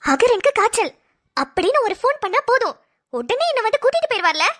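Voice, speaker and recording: A woman's voice: very high-pitched, sing-song, quick pace, fairly bright tone, pitched above the performer's own voice, exaggerated voice. A snappy, quarrelsome young mother, voiced by a woman. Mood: argumentative. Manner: snappy, argumentative. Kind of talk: cartoon voice acting.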